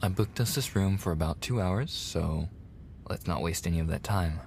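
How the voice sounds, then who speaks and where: An audio roleplay performer voices a male college tutor in an intimate ASMR scene, easygoing and teasing. His soft, low voice carries a heavy creak, unhurried with casual, flirty pauses, sometimes dropping to a whisper, and the mood is friendly and casual over faint background noise.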